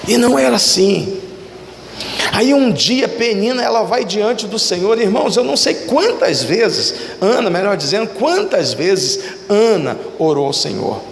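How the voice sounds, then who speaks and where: A man's voice: animated, measured pace, creaky, a little hiss or hum. A man preaching a sermon as pastor, emphatic and calling out to the congregation. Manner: emphatic preaching with sweeping pitch and direct calls to the congregation. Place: church sanctuary. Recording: echoey church hall with long reverb.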